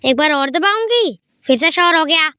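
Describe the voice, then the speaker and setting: A woman commentating a horror game in character, chatty and excitable as she talks through each move. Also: high voice, normal speed, dry recording. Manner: chatty, excitable, talks to herself while playing. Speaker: gameplay commentator. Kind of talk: playful gameplay commentary in character.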